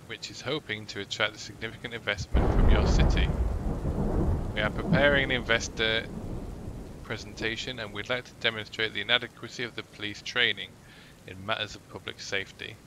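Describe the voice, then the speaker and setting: A man's voice: fairly low pitch, noisy background. A man playing a police management game, reading its dialogue and event text aloud with dry asides. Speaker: gaming YouTuber.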